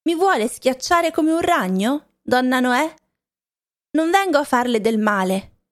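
Pushy old village crone in a storybook, read by a woman, wheedling, voice pitched up. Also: lively intonation, a little slow, no room sound, clean studio sound. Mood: pleading.

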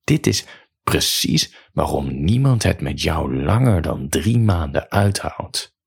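A man's voice: extremely low pitch, sing-song, slow, vocal fry, breathy edge, dry recording, studio quality, full character voice. A man voicing a young boyfriend who has been dumped, muttering his lines in a subdued way within a bedtime audiobook. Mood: hurt.

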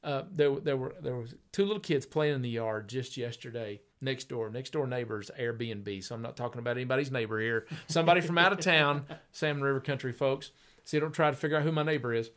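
A man's voice: medium pitch, a bit bright. Older man, earnest conversational preacher. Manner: earnest, storytelling, slows down for emphasis.

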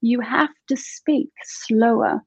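A woman's voice: on the high side, takes it slowly, creaky, darkish tone, breathy edge, no echo. A woman host with an Australian accent, chatting casually and laughing often as she talks through her experiences. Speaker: podcast host and author. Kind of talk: casual interview chat.

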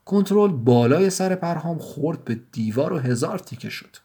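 A man reading his own written story aloud in a measured, even storytelling manner. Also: fairly high pitch, slightly rough. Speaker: writer and narrator. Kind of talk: scripted story narration.

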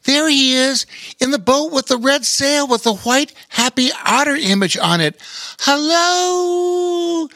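A man voicing an eager young boy who calls out in a high voice. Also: lively intonation, takes it slowly, no room sound, clean studio sound, full character voice. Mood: excited. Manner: eager, shouting. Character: excited young boy calling out.

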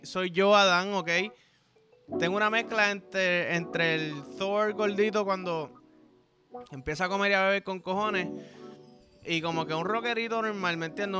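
A young Puerto Rican man hosting a casual solo podcast, rambling crude jokes with sudden loud bursts. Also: high-pitched. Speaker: podcast host.

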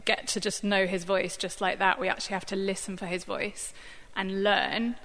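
Bright-voiced woman giving a reflection. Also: mid-range voice, flat delivery, normal speed. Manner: conversational, thoughtful, many fillers. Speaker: church staff member giving a Bible reflection. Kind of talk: informal sermon reflection. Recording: long hall reverb.

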